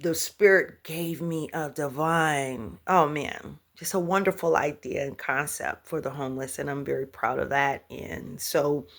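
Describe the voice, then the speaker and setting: A woman spiritual teacher speaks in a low, slightly bright voice with vocal fry, keeping fairly even intonation, a measured pace and few pauses. Her casual talk to viewers is full of laughter, humming and scatting, repeated or restarted words, and pet names for the audience.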